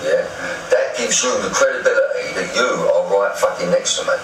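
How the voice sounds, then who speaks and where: Deep-voiced blunt man. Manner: halting, blunt, swears freely. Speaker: interviewer and campaigner. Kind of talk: casual conversational interview. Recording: roomy, distant mic, faint noise.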